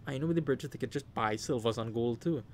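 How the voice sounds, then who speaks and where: Speaking quickly in a medium pitch, this Trinidadian-accented man gives animated live commentary on a card game. He addresses the players directly and cheers loudly at big moments, with slight background noise behind him.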